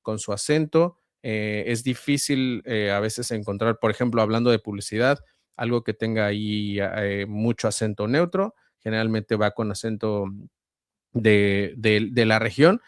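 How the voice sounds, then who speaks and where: A man with a central Mexican accent, a voice-over artist and guest, explaining at a measured pace with frequent hesitations. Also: lowish voice, clear, resonant tone, no echo, studio quality. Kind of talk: conversational interview answers.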